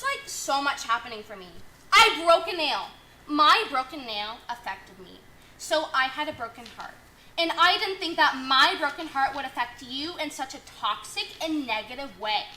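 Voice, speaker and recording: A vain, melodramatic young sorceress, played by a woman, whines in a high, bright voice, drawing out her pleas like a spoiled valley girl. The amateur skit is recorded in a roomy space with a faint hiss underneath. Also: big pitch swings, normal speed, full character voice. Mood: whiny pleading. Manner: valley-girl whiny pleading, over the top. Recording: roomy echo, faint noise.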